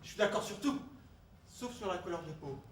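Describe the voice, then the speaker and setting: Animated high-voiced man in an echoey room. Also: fairly quick, a little hiss or hum. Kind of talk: comedy sketch dialogue. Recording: echoey room, distant mic.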